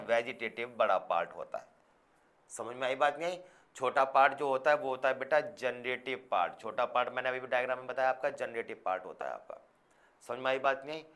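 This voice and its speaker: In a mid-range, fairly bright voice, a man gives a biology lecture to his class, mixing English scientific terms into his explanations. He calls students "beta" and keeps checking that they understand.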